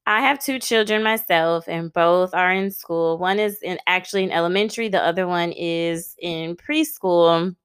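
A woman's voice: fairly low pitch, moderate pace, few pauses, smooth, dry recording. An American woman in her thirties hosting a solo advice podcast, speaking conversationally in an encouraging, emphatic and plain-spoken way. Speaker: podcast host and licensed counselor.

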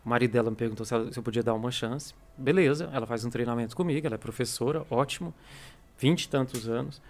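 Fast-talking Brazilian man telling stories. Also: mid-range voice. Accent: Brazilian Portuguese. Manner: animated storyteller, acts out quoted dialogue. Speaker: English teacher and school coordinator. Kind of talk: casual podcast chat.

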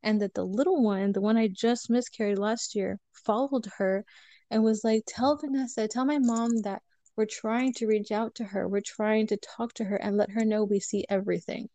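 Woman telling a candid story, mellow tone. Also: mid-range voice, steady tone, moderate pace, dry recording. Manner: candid storyteller, acts out quoted dialogue. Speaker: guest telling a personal story. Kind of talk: casual podcast chat.

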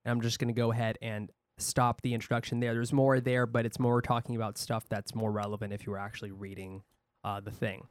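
A man's voice: medium pitch, flat delivery, a little fast, clear, resonant tone. A man co-hosting a podcast in a casual, chatty way. He laughs often and restarts his sentences. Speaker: podcast co-host.

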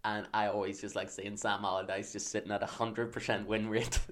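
A man's voice: lowish voice, flat delivery, fairly quick, fairly bright tone. A young Northern Irish man co-hosting a podcast, chatting casually, rambling with lots of fillers and laughs. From Northern Ireland. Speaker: podcast co-host. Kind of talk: casual chat.

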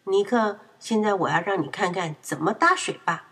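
A woman's voice: mid-range voice, moderate pace, slightly rough. A woman voicing a proud, quarrelsome young boy in a children's story, raising her voice when he gets upset. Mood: childlike. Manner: excitable, shouts when upset.

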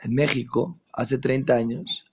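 A husky-voiced man delivers a religious lesson to listeners. He drives points home by repeating phrases, then slips into quiet asides. The recording sounds dull and lo-fi. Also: medium pitch, fairly even intonation, a little slow. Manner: emphatic, repeats key phrases, drops into hushed asides. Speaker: Torah teacher. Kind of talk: religious talk to an audience.

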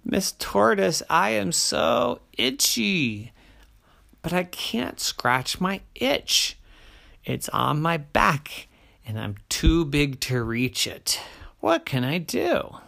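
A storyteller voicing a big, itchy female bear who pleads and exclaims in drawn-out, dramatic phrases for a children's bedtime story. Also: medium pitch, big pitch swings, vocal fry, fairly bright tone, voice pushed up, full character voice. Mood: pleading.

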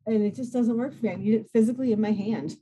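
A woman hosts a podcast, chatting bubbly and self-deprecating in a casual interview while laughing often. Her voice is a little high and fast, with a dark tone and a breathy edge.

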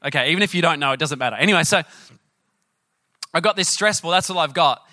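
A middle-aged man preaching a sermon, telling personal stories in a chatty, animated way and often asking the audience questions. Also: on the high side, fast, no echo. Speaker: pastor.

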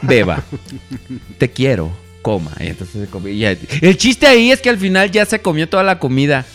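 A man's voice: high-pitched, wildly swooping pitch, quick pace, fairly bright tone, faint music behind. A man with a Mexican accent co-hosting a podcast in casual chat, telling jokes and laughing often. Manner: joking storyteller, laughs often. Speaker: podcast co-host.

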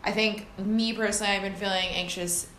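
A woman's voice: medium pitch, fairly even intonation, brisk, a bit bright. Goofy, laid-back woman co-host. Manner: loose, goofy, laughs easily. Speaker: podcast co-host. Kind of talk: casual chat. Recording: echoey room, faint noise.

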